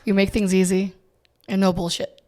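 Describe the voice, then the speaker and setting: A realtor born in Israel and raised in the US chats earnestly as a guest on a podcast, often stopping and restarting. Her medium-pitched, slightly mellow voice moves little in pitch and keeps a normal speed.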